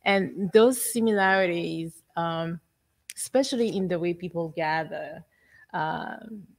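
A middle-aged woman from Haiti, an exhibition curator, speaking in a measured, reflective way on a panel in a gallery. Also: on the low side. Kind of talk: panel discussion. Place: art gallery room, indoors.

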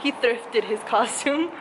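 A young woman vlogs casually to a handheld camera held at arm's length, sounding tired and giggly as she chats. Her voice sits a little high. Loud background noise runs under everything. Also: slow. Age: young adult. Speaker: vlogger. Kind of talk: casual vlog chat. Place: large indoor gym, then outdoor parking lot at night.

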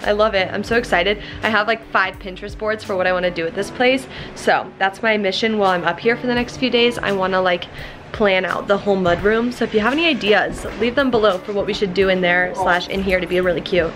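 A woman's voice: medium pitch, fast, over music. A woman in her twenties chatting casually to a handheld camera at arm's length, upbeat and full of "like". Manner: chatty, upbeat, filler-heavy "like". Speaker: vlogger. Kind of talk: casual vlog chat. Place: small wooden cabin indoors, then forest trail outdoors.

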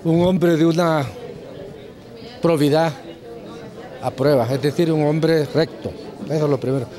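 An older man in his sixties lays out his points one by one, deliberately and with care. His voice sits slightly high. Crowd chatter fills the hall behind him. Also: fairly even intonation, warm tone. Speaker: interviewee. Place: indoor event hall.

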